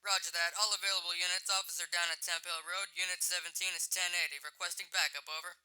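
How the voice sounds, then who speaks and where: A man's voice: high-pitched, little pitch movement, fast, bright, forceful tone, clear, resonant tone, rough recording. A man playing a police dispatcher heard over a radio, speaking in clipped call signs and codes. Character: male police radio dispatcher, brisk and procedural.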